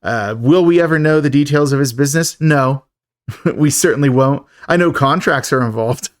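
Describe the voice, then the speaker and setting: A man's voice: a little high, moderate pace, no room sound, studio quality. A man co-hosting a podcast, recapping a film in a chatty, joking way and laughing often. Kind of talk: casual chat.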